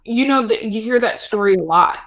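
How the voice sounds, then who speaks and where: A woman's voice: fairly high pitch, lively intonation, a little fast, a bit bright, no room sound, studio quality. A woman hosting an interview, asking follow-up questions and responding in an engaged, affirming way. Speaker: podcast host. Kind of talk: conversational interview.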